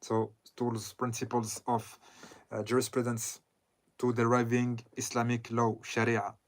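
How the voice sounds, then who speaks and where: This is a man lecturing as an Islamic scholar at a very slow, deliberate pace. His voice sits at an ordinary middle pitch for a man. He talks haltingly, with frequent pauses and self-corrections. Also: monotone. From southern Lebanon. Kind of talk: lecture commenting on a read text.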